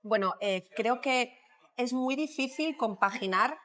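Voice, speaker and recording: A middle-aged woman from Madrid with a Spanish accent, a plastic surgeon talking as a podcast guest, thinking aloud with many pauses and fillers. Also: a little high, lively intonation, a bit bright. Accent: Spanish from Spain. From Madrid, Spain. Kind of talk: podcast interview.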